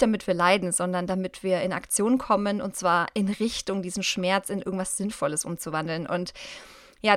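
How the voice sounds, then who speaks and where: A woman's voice: mid-range voice, a bit bright, no echo, studio quality. A woman hosting a podcast, addressing listeners in a reflective, conversational way. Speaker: podcast host.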